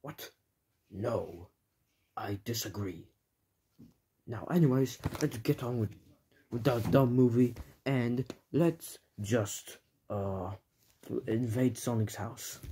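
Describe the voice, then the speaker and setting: A man's voice: mid-range voice, slow pace, long pauses, warm tone, slight background noise, natural voice. A young man voicing a grumpy, bossy male villain who mutters and grumbles in a homemade comedy skit. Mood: grumbling.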